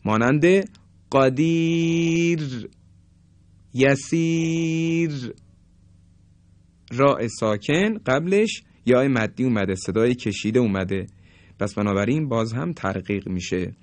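A man teaching tajweed, explaining rules and slowly drawing out example words to demonstrate. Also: lowish voice, lively intonation, dry recording. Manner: slow drawn-out demonstration of words. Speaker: Quran recitation teacher.

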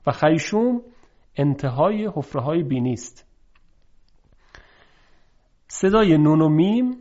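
A man gives a recorded lesson on reciting the Quran, his voice pitched a little high. He explains each point in a measured, patient way and slows right down to demonstrate sounds. The recording sounds dull and lo-fi. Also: mellow.

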